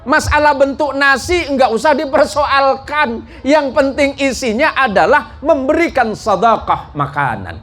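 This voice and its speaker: Speaking at a mosque gathering before a live congregation, a man delivers a sermon in a jocular, folksy manner and often puts questions to his listeners. His voice is extremely high-pitched and a bit bright, with lively intonation and an unhurried pace. The live talk was recorded with clear background noise.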